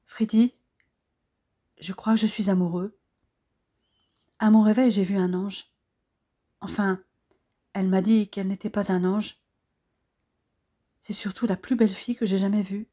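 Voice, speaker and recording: A woman voicing a wounded young soldier who has just woken, softly spoken and earnest. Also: mid-range voice, fairly even intonation, measured pace, pauses often, natural voice. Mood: tender.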